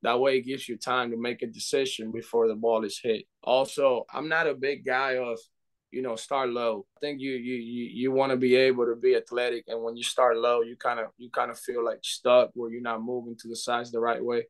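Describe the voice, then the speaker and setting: A young man speaking English with a Dominican Spanish accent, a baseball coach answering an interviewer over a webcam. He talks earnestly at a middle pitch, often restarting phrases and filling with "you know". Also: flat delivery, brisk. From Dominican Republic. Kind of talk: video call interview. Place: indoor room. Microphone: webcam on video call.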